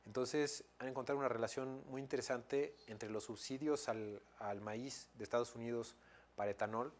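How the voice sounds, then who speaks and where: A man's voice: mid-range voice, steady tone, moderate pace. A man in his thirties with a Mexican accent giving an academic lecture, hesitant, with many fillers, restarts and tag questions. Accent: Mexican Spanish.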